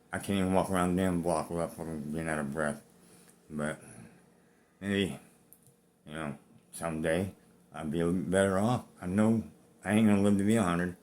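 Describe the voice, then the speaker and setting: A very low-pitched man in his fifties speaks short of breath. He talks bluntly and rambles, swearing freely as he tells his own story to camera. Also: a little mellow, a little hiss or hum. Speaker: vlogger. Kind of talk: personal talk to camera.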